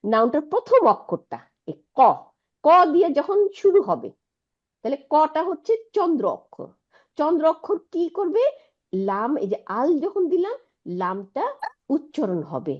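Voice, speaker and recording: A woman's voice: high voice, sing-song, normal speed, pauses often, muffled recording. A woman teaching an Arabic lesson, patiently explaining and asking her students checking questions. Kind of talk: online Quranic Arabic lesson.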